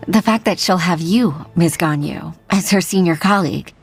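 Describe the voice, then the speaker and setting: A woman's voice: fairly low pitch, a little slow, faint music behind. A woman voicing a reflective middle-aged female secretary who is a mother, in a video game, speaking fondly. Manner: reflective, fond.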